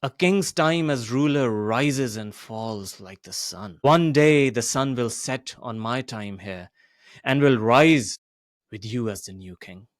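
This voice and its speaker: A man voicing a wise, solemn lion king father speaking gravely to his son, in a dry recording. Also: mid-range voice, animated, no room sound. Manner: grave, slow, emotional delivery.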